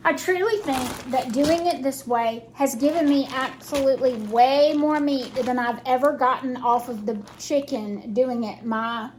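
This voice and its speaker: A woman's voice: sits high, measured pace, hardly any pauses, a little mellow, a little hiss or hum, poor audio. A woman chats casually through a cooking demonstration, her speech slightly impeded by new dental braces, in a folksy step-by-step way. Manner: chatty, folksy, narrating each step as she works. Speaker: home cook hosting a cooking vlog. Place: home kitchen while cooking.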